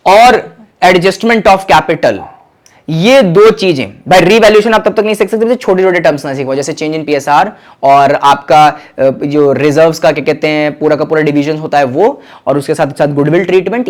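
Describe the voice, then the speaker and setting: A young male commerce teacher leads an online exam-prep class in a fairly high voice, coaching and reassuring students he calls "children." He blends English terms into his Hindi and draws key phrases out slowly for emphasis.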